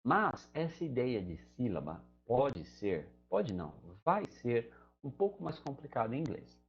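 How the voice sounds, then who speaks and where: Brazilian guy teaching english grammar, gravelly voice, kinda dull lo-fi sound, keeps saying né and tá. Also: mid-range voice, very animated, unhurried. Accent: Brazilian Portuguese. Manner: conversational, fillers like "né" and "tá". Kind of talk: explaining grammar to students.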